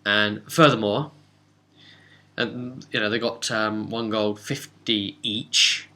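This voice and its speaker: A British game master and host of a tabletop role-play gives a casual, rambling session recap, wry and chatty, frequently breaking off mid-thought. His voice is fairly low, bright and forceful, delivered slowly with fairly even intonation.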